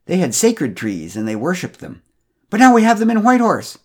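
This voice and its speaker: A man's voice: sing-song, brisk, slightly rough. A man putting on a haughty older woman neighbor. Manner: high-pitched, loud, haughty and insistent. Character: fussy older woman neighbor, bossy and condescending.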